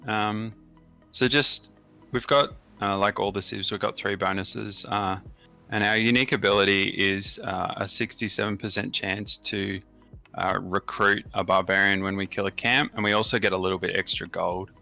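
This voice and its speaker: This Australian-accented gaming channel host talks casually through a strategy game session, detailing settings and bonuses with plenty of fillers. His voice is on the low side, creaky, pushed and bright, with fairly even intonation at a normal speed, and faint music sits in the background.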